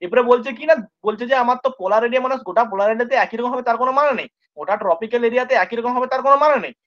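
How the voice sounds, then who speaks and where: Speaking very fast in a very high-pitched, fairly bright voice, this man tutors students for a geography exam. He keeps things casual and familiar, going over points again and again and checking they're keeping up, all captured on a dull, lo-fi recording.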